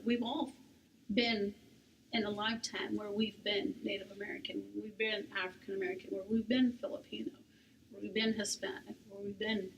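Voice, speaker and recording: Soft, breathy middle-aged woman on a panel. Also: mid-range voice. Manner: soft-spoken, often breathy and whispery. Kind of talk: reflective panel talk. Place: room at a healing arts center. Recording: distant mic with faint background noise.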